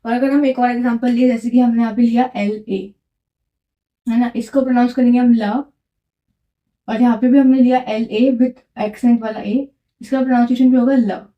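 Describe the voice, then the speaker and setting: A woman explains French grammar step by step in a classroom-style lesson in Hindi with English words mixed in, repeating each key word and asking the learner to echo it. Her warm voice is on the high side with a flat delivery and moderate pace, and the highs are cut off.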